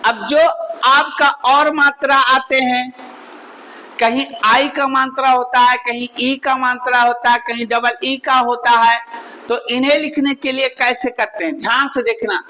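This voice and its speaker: A man's voice: very high-pitched, flat delivery, unhurried, bright, forceful tone, low-quality recording. A male teacher, giving a spelling lesson and drilling the class with repeated questions and answers.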